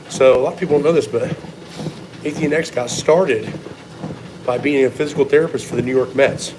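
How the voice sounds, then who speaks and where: Man, strength coach, casual Q&A chat, blunt and opinionated, mid-pitched voice, clear vehicle-like noise behind. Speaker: strength coach answering viewer questions.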